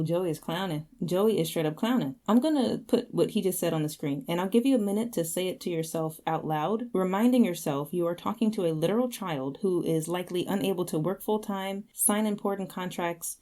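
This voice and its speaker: A woman's voice: on the low side, brisk, few pauses, dark tone. A woman hosting a reaction video, giving sarcastic, mocking commentary over clips.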